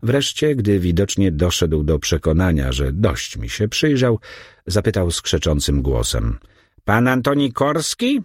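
A man reading a first-person story aloud with expressive delivery. His voice is very low and slightly husky, and it moves through a wide, lively range. The recording is dry and close. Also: unhurried, no echo. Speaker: audiobook narrator. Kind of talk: scripted first-person narration.

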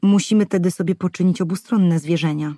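A woman voicing a reserved young man who speaks quickly in a lowered voice. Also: steady tone, dark tone, dry recording, clean studio sound, lightly acted. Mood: uneasy.

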